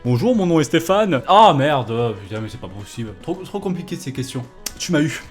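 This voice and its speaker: A man with a slightly higher-than-usual voice chats through a quiz game, teasing and self-mocking as he answers. He talks close into a headset mic, with faint music underneath. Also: very animated, a little fast. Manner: joking, self-mocking, chatty asides. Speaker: gaming YouTuber. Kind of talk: casual quiz-game commentary. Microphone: gaming headset.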